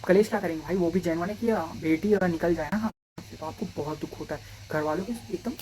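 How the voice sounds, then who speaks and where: A man's voice: a little high, fast, a little mellow, a little hiss or hum, poor audio. A man giving casual, rambling commentary on video clips as commentator, often stopping to check that his listeners follow.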